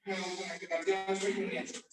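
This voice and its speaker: A man's voice: high voice, racing, close to an everyday voice. A young man, acted by a man in an amateur short film, steadily coaching someone to breathe. His voice rings through a very echoey room and sits far off from the mic, with a faint hiss behind it. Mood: urgent. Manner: urgent at first, then calm and soothing, coaching breaths.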